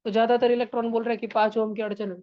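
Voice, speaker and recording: A woman's voice: on the high side, rapid-fire, dull audio. A woman teaching a science lesson, explaining through a playful story. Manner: animated storyteller, mixes English terms into explanation. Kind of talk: classroom lecture with playful storytelling.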